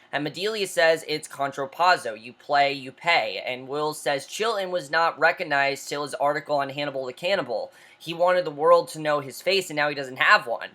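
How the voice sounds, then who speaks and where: A woman's voice: low-pitched, a bit bright. Woman chattily recapping a TV episode. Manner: chatty, loosely retells scenes with many restarts; keeps calling things interesting. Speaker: TV episode reviewer.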